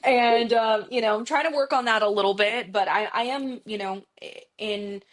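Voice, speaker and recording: A woman's voice: on the high side, moderate pace. A woman in her thirties talking as an interview guest in a casual, chatty, self-deprecating way, with frequent fillers. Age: 30s. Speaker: guest executive.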